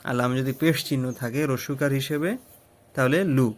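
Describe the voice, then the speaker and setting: A man's voice: medium pitch, steady tone, brisk. A man teaching Arabic letters step by step, patiently repeating each syllable and often checking that the learner follows.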